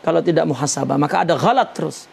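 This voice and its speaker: High gravelly male teacher. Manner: slow and deliberate, explaining Arabic terms with many "ya" fillers. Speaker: religious teacher. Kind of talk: religious lesson on a Sufi text.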